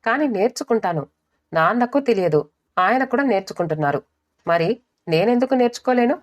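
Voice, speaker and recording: A woman voicing a determined young wife who answers calmly and firmly in an audiobook story. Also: a little high, brisk, voice pushed up, lightly acted. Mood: resolute. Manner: calm, firm.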